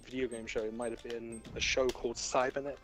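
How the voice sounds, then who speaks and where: A man's voice: medium pitch, little pitch movement, fairly quick, poor audio. A British man from the UK chatting casually on a stream, rambling a little with fillers as he shares a story. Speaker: stream co-host. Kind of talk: casual chat. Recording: loud game music behind. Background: game music.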